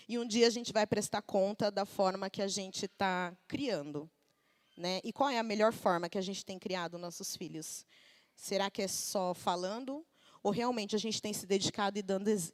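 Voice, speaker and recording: A Brazilian woman in her thirties preaching a conversational sermon in a church. She often asks the congregation questions and acts out little everyday quotes. Her voice sits at an ordinary middle pitch. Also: normal speed. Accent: Brazilian Portuguese. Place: church service.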